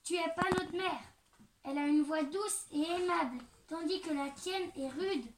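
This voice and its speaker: A woman's voice: very high-pitched, a little slow, recorded from a distance, noisy background. A woman voicing a group of young goat kids in a storybook reading, calling out boldly and warily. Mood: defiant. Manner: crying out, defiant. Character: seven wary little goat kids.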